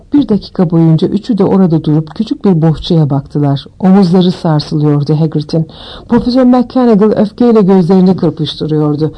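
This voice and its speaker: A woman narrating an audiobook with steady, expressive storytelling. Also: lowish voice, muffled recording.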